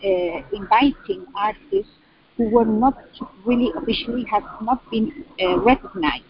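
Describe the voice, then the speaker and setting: Female interviewee, Chilean Spanish accent. Slow, halting delivery, mentally translating into English. Slightly muffled, low-fidelity sound. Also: a crowd in the background. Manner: translating in head, halting and searching for English words. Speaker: curator and cultural center representative. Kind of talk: interview answer about exhibitions. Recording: dull lo-fi sound.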